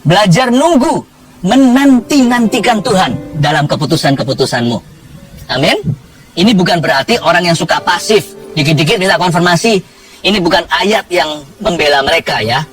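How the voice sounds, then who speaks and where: A pastor preaching a sermon in a lively manner, with humor and acted-out quotes. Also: male voice, sits high, moderate pace, distant mic, faint music behind.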